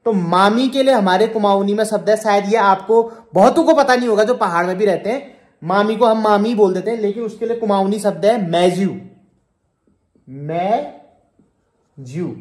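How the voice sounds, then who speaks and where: A man's voice: sits high, brisk. A man from the Kumaon hills, teaching words in a spoken lesson, repeating each word and quizzing his listeners. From Kumaon, Uttarakhand. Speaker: language teacher. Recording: echoey room.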